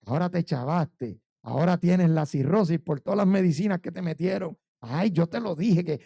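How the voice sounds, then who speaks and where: A sneering male devil, acted out by a man in the middle of a sermon hisses taunts in a dropped, gravelly register. He speaks, low and mocking, meant to menace. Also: normal speed, warm tone, dry recording, clean studio sound. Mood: taunting.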